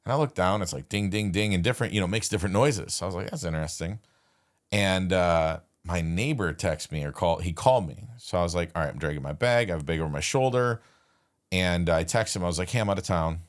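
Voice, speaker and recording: A man, a podcast guest, telling a personal story in a casual, halting way, acting out bits of dialogue. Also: sits low. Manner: relaxed, halting retelling with restarts and quoted dialogue.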